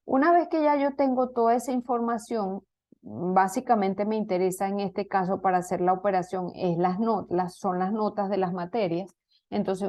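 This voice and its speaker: A woman's voice: mid-range voice, dull audio. Woman, programming teacher, step-by-step explanations, frequent check-in questions. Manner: explains step by step, many fillers and restarts, asks "¿ok?". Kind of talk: online class lecture.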